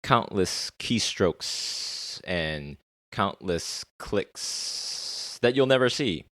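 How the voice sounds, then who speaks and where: Speaking very slowly, he has a low-pitched, expressive voice that's a bit bright, recorded with no room sound. He's a young adult American hosting a solo reflective podcast, talking earnestly and candidly about his life with occasional swearing.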